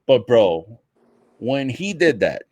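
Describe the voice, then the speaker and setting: A man co-hosting a wrestling podcast in casual chat, animated and profane, swearing often. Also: mid-range voice, slow, no echo, studio quality. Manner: animated, profane, laughs while retelling. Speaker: podcast co-host.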